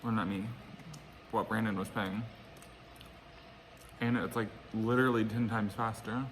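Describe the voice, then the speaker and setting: A man's voice: on the low side, fairly even intonation, unhurried. A man rambling casually to his viewers as he eats fried chicken in a mukbang, recorded outdoors. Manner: eating fried chicken while talking. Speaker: vlogger hosting an eating show. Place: outdoors by a pool. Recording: clearly noisy outdoor ambience.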